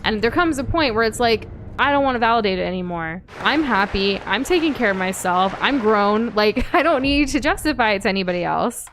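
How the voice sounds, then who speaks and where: A woman's voice: on the high side, animated, brisk, few pauses, a bit bright, a little hiss or hum. A young woman from the United States co-hosting a game stream, chatting candidly and reading viewer comments, with lots of fillers and restarts. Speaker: streamer co-host. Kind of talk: casual gameplay chat reading viewer comments.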